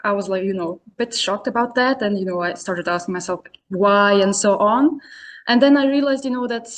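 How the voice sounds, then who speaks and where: A young adult woman from Serbia, an English speaker, talking in a casual interview as a podcast guest, full of hesitant fillers like "you know" and "um". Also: mid-range voice. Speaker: podcast guest, founder of an online business community.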